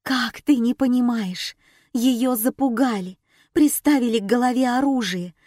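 A woman voicing a frantic middle-aged mother who wails in shrill, panicky outbursts. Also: unhurried, darkish tone, no echo, studio quality. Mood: panicked.

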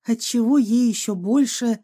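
A woman narrating an audiobook in a calm, even storytelling manner. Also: fairly high pitch, moderate pace, breathy edge.

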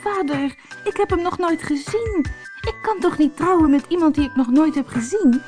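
A woman's voice: high-pitched, moderate pace, over music, pitched above the performer's own voice, close to an everyday voice. A woman voicing a tearful, pleading young woman in a storybook.

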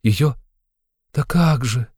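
A man's voice: medium pitch, a little fast, a little mellow, no room sound, clean studio sound, voice pushed up, close to an everyday voice. A man voicing a frightened, timid young woman who speaks in a plaintive, trembling way. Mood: anguished.

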